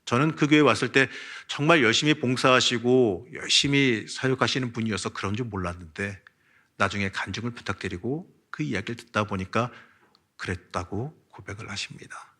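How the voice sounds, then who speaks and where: A man's voice: mid-range voice, brisk, sharp tone. A man preaching a Sunday sermon as pastor of a church, earnest, swelling and dropping his volume for emphasis. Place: church sanctuary.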